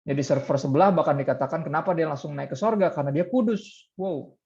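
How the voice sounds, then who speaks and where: A man's voice: fairly high pitch, fast talker, vocal fry, darkish tone, highs cut off. A man preaching a sermon as pastor in a conversational way, often throwing rhetorical questions to the congregation.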